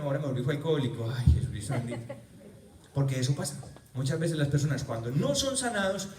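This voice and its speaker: A man's voice: mid-range voice, a little mellow. A man preaching at a healing retreat, telling personal stories with humor and repeating key words for emphasis. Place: parish church. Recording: roomy church, mic far off.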